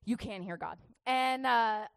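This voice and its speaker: A woman's voice: fairly high pitch, unhurried, vocal fry, clear, resonant tone, no echo. A woman youth pastor telling a chatty, humorous testimony in a sermon, laughing often.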